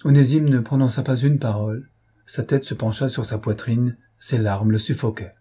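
A man reading a novel aloud in a measured, solemn narration. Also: mid-range voice, steady tone, mellow, slightly rough. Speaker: reader.

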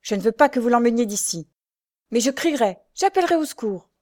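A woman's voice: a little high, animated, brisk, darkish tone, dry recording, clean studio sound, voice pushed up, natural voice. A woman doing a frightened young woman. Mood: urgent. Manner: raised, urgent.

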